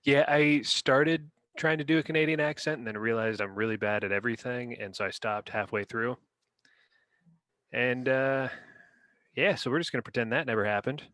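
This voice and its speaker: A man's voice: medium pitch, normal speed, a bit bright, dry recording, studio quality. A man co-hosting a podcast, rating dictionary words in casual chat and reading definitions aloud in a playful, rambling way. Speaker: podcast co-host.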